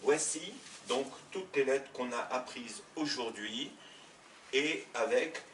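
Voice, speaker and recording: A man teaching letters in a slow, patient classroom manner, spelling out each sound. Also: mid-range voice, fairly bright tone, slight background noise. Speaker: Arabic teacher. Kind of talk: classroom lesson. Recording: roomy sound from a distant mic.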